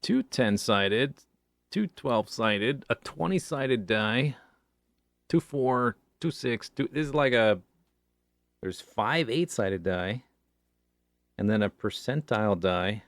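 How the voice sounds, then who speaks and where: A man with a lowish voice mutters his way through a game, half talking to himself and half to viewers. He drifts between thoughts with a relaxed, unhurried ramble. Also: gravelly, no room sound. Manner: muttering to himself, musing aloud. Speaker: streamer. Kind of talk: casual gameplay commentary.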